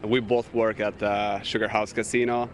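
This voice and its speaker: A man's voice: fairly low pitch, level tone, moderate pace. A man from Albania with an Albanian accent, co-hosting a casual talk show in a city park, filling his speech with "you know" and "uh". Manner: many fillers, "you know" and "uh". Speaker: co-host. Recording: faint outdoor city noise.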